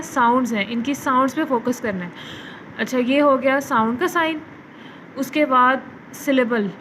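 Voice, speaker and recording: Woman, online English teacher, slightly high voice, slow careful reading, faint background hum. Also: fairly bright tone, poor audio. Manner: slow, careful reading of English words, then explaining in Urdu-Hindi. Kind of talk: online class lecture.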